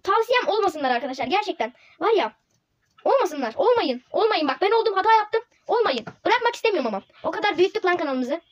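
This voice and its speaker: A woman gameplay YouTuber, giving loud, excitable commentary over a football game and repeating her shouts. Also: very high voice, quick pace, dull audio.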